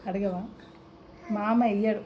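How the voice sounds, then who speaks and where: A woman, gently teasing a small child with question after question in a playful home video. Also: mid-range voice, fairly even intonation, a little slow, highs cut off, slight background noise. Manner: coaxing, teasing questions, soft-spoken.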